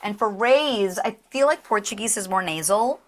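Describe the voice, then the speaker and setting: Animated voice actress with a naturally low voice. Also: female voice, moderate pace. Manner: animated, slips into character voices, filler-heavy. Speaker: voice actress guest. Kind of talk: casual interview chat.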